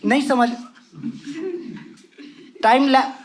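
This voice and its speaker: A man's voice: very high-pitched, steady tone, very slow, a little hiss or hum. A young man doing stand-up comedy with a western Uttar Pradesh accent, crude and full of swearing, mixing English into his talk. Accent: western Uttar Pradesh Hindi. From western Uttar Pradesh, India. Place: comedy stage with a laughing audience.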